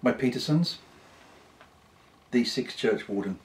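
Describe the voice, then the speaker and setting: A British man in a casual, unscripted vlog chat, talking in an unhurried, rambling way with pauses. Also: mid-range voice, darkish tone. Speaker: pipe-smoking vlogger.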